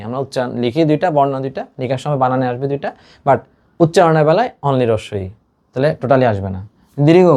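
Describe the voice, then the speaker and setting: A man's voice: mid-range voice, darkish tone. A male teacher gives an online exam-prep lesson to his students. He explains step by step and mixes English words into his speech.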